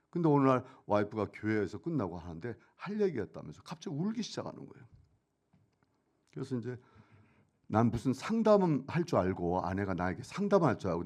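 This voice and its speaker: A middle-aged man, a church elder, giving a testimony sermon, swinging between loud emphatic bursts and hushed asides and answering his own questions. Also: mid-range voice.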